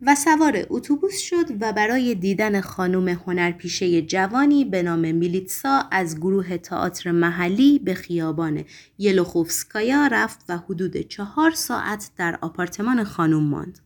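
A woman's voice: medium pitch, lively intonation, lightly acted. A woman voicing a sly, mocking male conjurer's assistant in a theatrical, taunting manner.

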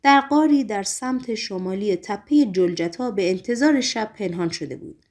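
A woman narrating a novel as an audiobook in a measured, literary reading. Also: medium pitch, a little mellow.

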